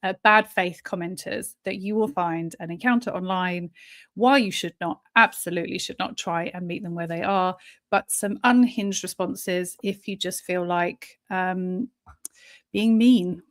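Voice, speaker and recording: A woman's voice: on the low side, dry recording, studio quality. Frank, sweary woman podcast host. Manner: frank, sweary and quick to laugh. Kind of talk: casual live podcast chat.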